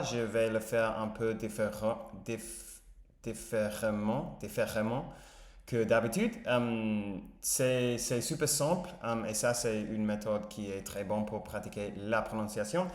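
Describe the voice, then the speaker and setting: A man with an English accent talks through his French practice in a casual vlog, pausing often with fillers and correcting himself. He speaks slowly, and his voice rings in an echoey room. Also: medium pitch. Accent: English-speaking learner of French. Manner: hesitant, many fillers and self-corrections. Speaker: vlogger learning French. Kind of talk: casual language-learning vlog.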